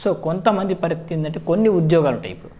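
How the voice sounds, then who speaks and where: A man's voice: fairly high pitch, animated, racing, dull audio. A man with a Telangana Telugu accent explaining things informally to viewers, mixing in frequent English words. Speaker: job-exam advice video host.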